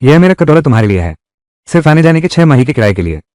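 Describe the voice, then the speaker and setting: A man's voice: on the high side, big pitch swings, quick pace, darkish tone, no room sound, studio quality. A man voicing heated, scolding family quarrels in dubbed drama dialogue. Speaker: voice actor dubbing a village family drama.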